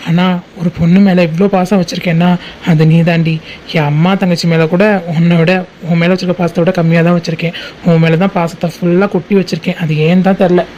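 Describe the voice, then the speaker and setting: A woman's voice: lowish voice, little pitch movement, fast talker, dark tone, lo-fi sound, slight background noise, natural voice. A woman voicing a playful, devoted young man in a cartoon, teasing and affectionate. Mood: tender. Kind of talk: cartoon voice acting.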